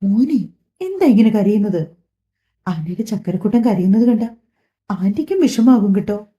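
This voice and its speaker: A woman voicing a shy, soft young wife. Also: mid-range voice, big pitch swings, moderate pace, natural voice. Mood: tender. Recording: dull lo-fi recording.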